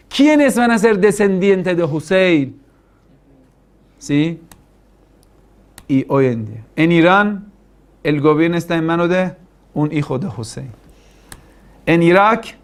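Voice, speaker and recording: A male cleric lecturing a class, with a voice a little higher than most men's. He asks the room questions and recites Arabic passages before explaining them in plain terms. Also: darkish tone. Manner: preaching with rhetorical questions and Arabic quotations. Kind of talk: religious lecture.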